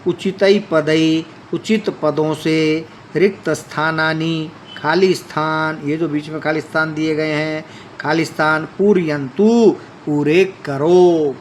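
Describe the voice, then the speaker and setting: A man's voice: on the high side, fairly even intonation, slow pace, a little hiss or hum. A man teaching a Sanskrit lesson, reading lines aloud and then explaining them. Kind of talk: classroom explanation.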